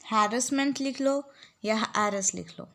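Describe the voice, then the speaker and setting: A woman's voice: fairly high pitch, measured pace, creaky, fairly bright tone. A young woman teacher giving a spelling lesson, dictating words and spelling them out letter by letter. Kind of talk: spelling lesson for exam students.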